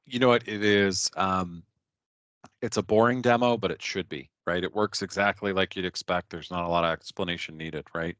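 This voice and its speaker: A man's voice: sits low, fairly even intonation, moderate pace, fairly bright tone, dry recording. A man hosting a product webinar in a casual, hesitant way, with many fillers and "right?" tags. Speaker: webinar host.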